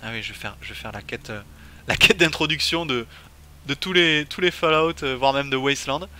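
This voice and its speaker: A man's voice: mid-range voice, a little fast, pushed and bright. A man streaming a game, commenting casually and thinking aloud with many fillers. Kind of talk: casual let's-play commentary.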